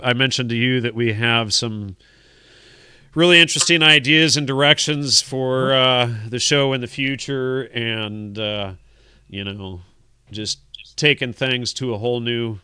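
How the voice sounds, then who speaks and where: A man's voice: medium pitch, steady tone, a little slow, bright, forceful tone, clear, resonant tone, no room sound, studio quality. A man hosting a talk show in casual chat, rambling and repeating words as he asks listeners for donations. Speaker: podcast host.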